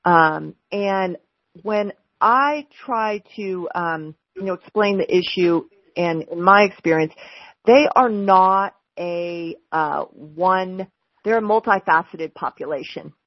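An American woman speaking as a candidate hosting a live telephone town hall, with a halting delivery full of hesitations, over a phone. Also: lowish voice. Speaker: city council member running for mayor, hosting a town hall. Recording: dull, lo-fi telephone line.

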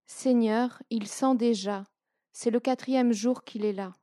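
A woman voicing a grieving, faithful woman in a soft, earnest reading. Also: on the high side, steady tone, takes it slowly, dry recording, clean studio sound.

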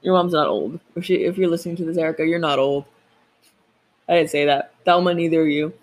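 A woman's voice: deep voice, fast talker, rough recording. A young woman co-hosting a casual podcast, chatty and self-deprecating, swearing freely. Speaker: podcast co-host.

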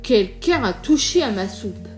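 A woman voicing a big papa bear with a loud, grumbling voice in a storybook reading. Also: expressive, unhurried, faint music behind. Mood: gruff. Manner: booming, grumbling.

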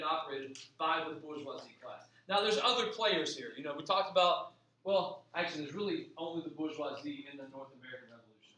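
Echoey, distant high-voiced man lecturing. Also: pushed and bright. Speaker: history teacher. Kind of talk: informal classroom lecture. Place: echoey room. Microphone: distant microphone. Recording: very echoey, distant mic, faint noise.

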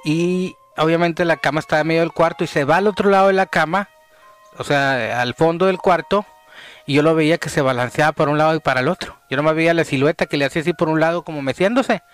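A man with a Mexican accent telling a story in casual chat, animated and dropping to hushed tones at tense moments. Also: on the high side, fast, clean tone, faint music behind. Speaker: podcast guest telling a story.

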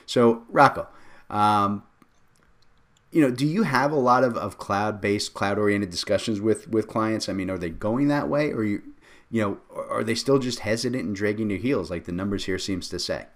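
A man co-hosting a podcast in casual discussion, lively and joking, often tagging his points with questions. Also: on the low side, moderate pace. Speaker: podcast co-host.

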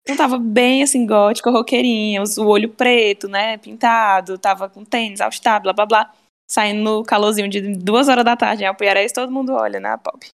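A young woman with a Cearense Brazilian accent, telling a story in casual chat and acting out the dialogue. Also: mid-range voice. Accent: Cearense Brazilian Portuguese. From Ceará, Brazil. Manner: animated, acts out dialogue, fast. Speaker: storyteller guest.

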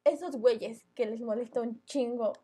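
A woman's voice: on the high side, normal speed, warm tone, breathy edge. A young woman with a Mexican Spanish accent chatting casually on a podcast, blunt and full of slang and swearing. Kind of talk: casual chat.

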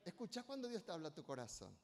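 A man preaching a sermon as pastor, emphatic and rising to loud bursts, often calling for amens from the congregation. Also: fairly high pitch, wildly swooping pitch, fast talker, gravelly. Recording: long hall reverb.

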